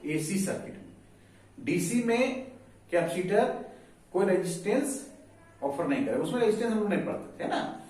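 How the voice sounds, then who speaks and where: A man's voice: high-pitched, animated, moderate pace, long pauses, darkish tone, far from the mic. Man, physics teacher, quizzes students, very echoey room. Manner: repeats key terms and quizzes students. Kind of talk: whiteboard lecture.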